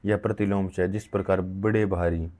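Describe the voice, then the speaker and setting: A man reading an old medical text aloud in a slow recitation, with frequent halts and restarts. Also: sits low, steady tone, mellow. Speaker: reader of an ancient medical text.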